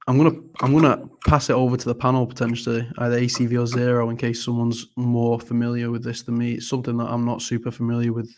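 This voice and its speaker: A man's voice: medium pitch, completely flat delivery, fast talker, hardly any pauses. A man hosting a casual live audio panel, friendly and hesitant, often repeating words and apologizing. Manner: friendly, calls people mate. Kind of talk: casual chat.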